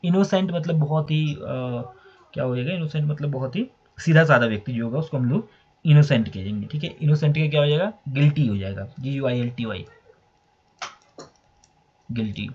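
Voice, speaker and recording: Man, English teacher, spells words letter by letter, husky voice, lo-fi sound. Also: a little high, normal speed, pauses often, darkish tone. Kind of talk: explaining English vocabulary in Hindi. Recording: dull lo-fi recording.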